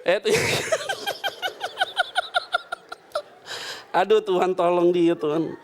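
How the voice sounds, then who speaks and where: A male pastor preaches in a high, bouncing voice that swings widely in pitch. He jokes and acts out the people in his stories while he preaches. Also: extremely slow, heavy background noise. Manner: animated, joking, acts out voices in anecdotes. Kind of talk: sermon with comic storytelling. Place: church.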